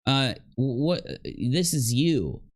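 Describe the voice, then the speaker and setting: A man streams improvised reactions to another person's video, picking arguments and pointing fingers. His medium-pitched voice has lively intonation and he draws out his words.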